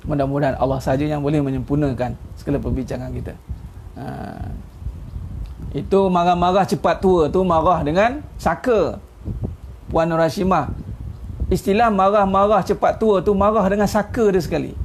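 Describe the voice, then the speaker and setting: A middle-aged man with a Malaysian Malay accent preaches in a relaxed, conversational way, teasing his listeners and laughing softly now and then. His voice sits high for a man and carries a gravelly, frayed edge. A faint hiss of background noise runs under the recording. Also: moderate pace. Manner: chatty, teasing, chuckles at his own jokes. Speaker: ustaz giving an online religious talk. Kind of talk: informal sermon.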